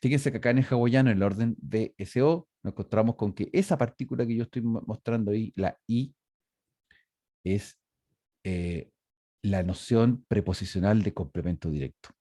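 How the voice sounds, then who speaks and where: A middle-aged man lectures over a video call. His voice sits low and mellow, and the sound is close and dry with no room around it. He explains step by step, with many fillers and restarts. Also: moderate pace, no echo. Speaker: university lecturer. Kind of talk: online lecture. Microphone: video call microphone.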